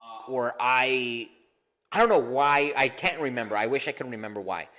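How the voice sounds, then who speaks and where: Male co-host, mid pitch, chatty and profane, recorded in a room with a long ring-out. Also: normal speed, sharp tone, in a large hall. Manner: profane, laughing, rambling with restarts. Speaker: podcast co-host. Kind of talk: casual podcast banter.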